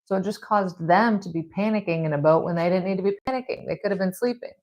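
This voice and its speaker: A woman's voice: medium pitch, quick pace, a little mellow, muffled recording. A woman hosting a Bible study, reading scripture and then reflecting on it in a chatty, conversational way. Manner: conversational and reflective, with frequent "like" and "you know"; reads scripture, then comments in her own words. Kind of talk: casual devotional teaching.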